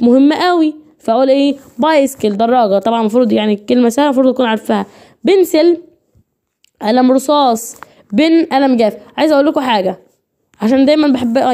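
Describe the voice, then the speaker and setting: In an online lecture, a woman teaches English with an Egyptian Arabic accent, going over each point again and again while addressing her students. She has a high, mellow voice.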